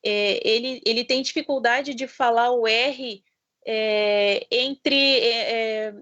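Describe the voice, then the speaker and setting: Halting mother asking on a call. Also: a little high, steady tone, a bit bright. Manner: halting, searching for words. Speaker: parent asking questions. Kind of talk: webinar question. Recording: muffled video-call audio.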